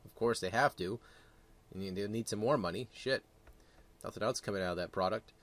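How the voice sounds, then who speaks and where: A man with a fairly low voice talks casually as if in a gaming vlog. He is blunt and crude, swears freely, and rambles through his opinions, correcting himself as he goes. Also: brisk, fairly bright tone. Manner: rambling, self-correcting delivery. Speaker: gaming commentator.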